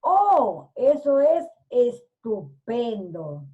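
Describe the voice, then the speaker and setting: A woman's voice: high voice, animated, slow, narrow, tinny audio, heavily acted. A woman voicing a sly male wolf from a storybook, coaxing and sweetening his voice to fool a little girl. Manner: coaxing, sugary voice put on to fool.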